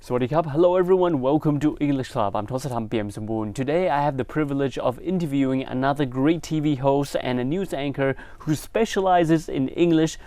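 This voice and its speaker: Guy hosting, quick talker, dry close sound, lots of mm-hmms. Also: a little high, clean tone, dry recording. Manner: polite, steady with listening backchannels. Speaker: show host, interviewer. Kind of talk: interview.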